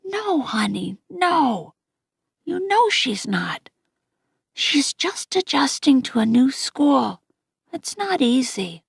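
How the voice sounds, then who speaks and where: Hushed, tired, loving mother, as a woman reads her. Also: high voice, big pitch swings, takes it slowly, vocal fry, breathy edge, dry recording, clean studio sound, full character voice. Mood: soothing. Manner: hushed, half-whispered.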